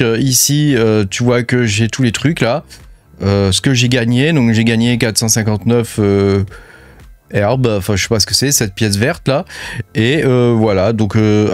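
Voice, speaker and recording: This dry recording features a mid-range male voice with a French accent, a crypto channel host doing a relaxed walkthrough of his on-screen apps. His talk is chatty and loaded with fillers and "hein," and he uses "tu" with viewers.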